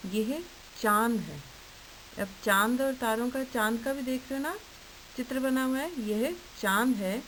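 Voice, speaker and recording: A woman teaches small children in a slow, patient voice, asking easy questions and then answering them herself. Her voice sits a little high. A faint hiss runs under the recording. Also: a bit bright, poor audio. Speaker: primary school teacher. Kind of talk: online lesson for young children.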